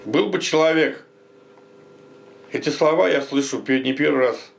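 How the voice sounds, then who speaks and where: A man's voice: a little high, normal speed, gravelly, rough recording. A man chatting casually and bluntly, with slang and swearing. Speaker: village resident being interviewed. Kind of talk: casual chat.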